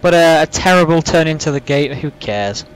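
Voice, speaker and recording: A man's voice: a little high, fairly even intonation, quick pace, slight background noise, rough recording. A man giving casual, rambling, self-deprecating gameplay commentary as a flight sim host, saying w for r. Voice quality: can't pronounce R's properly, says w for r.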